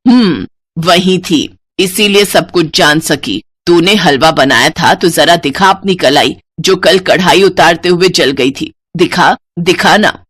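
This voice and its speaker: A woman voicing a stern older mother-in-law in a cartoon story, dropping her voice low and talking firmly. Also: slow, fairly bright tone, husky, full character voice. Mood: scolding. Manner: lowered voice, scolding and firm.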